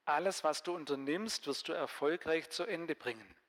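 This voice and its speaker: A man voicing the humbled King Saul, speaking slowly and contritely, in a reverberant hall. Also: a little high, fairly bright tone, lightly acted. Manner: slow, subdued and contrite.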